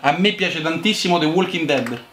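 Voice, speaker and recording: A man's voice: a little high, expressive, normal speed, fairly bright tone. A young man repeating phrases emphatically in playful game banter, often laughing. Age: young adult. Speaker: video creator. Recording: roomy, noisy with voices and laughter.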